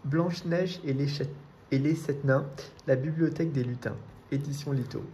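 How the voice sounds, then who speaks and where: A man reading children's storybooks aloud in a steady storytelling way. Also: fairly high pitch, moderate pace, slight background noise. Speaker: reader.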